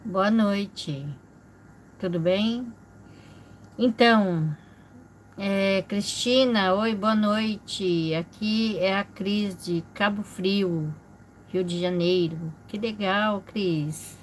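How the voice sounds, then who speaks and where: A woman's voice: mid-range voice, a little hiss or hum, low-quality recording. A woman in her forties from Brazil, hosting a casual livestream from a room at home and greeting viewers one by one with small laughs. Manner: slow, chatty, greets viewers by name with frequent small laughs. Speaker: livestream host. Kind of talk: casual live chat reading viewer comments. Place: indoor home room with a fish tank.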